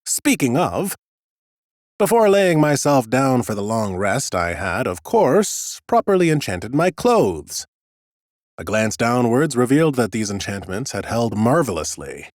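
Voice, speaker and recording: Speaking at a medium pitch, a man voices an ancient undead scholar in a first-person audiobook, making him a fussy, smug and whimsical gentleman. The delivery is theatrical with dry humor, and the sound is clean studio quality without any room.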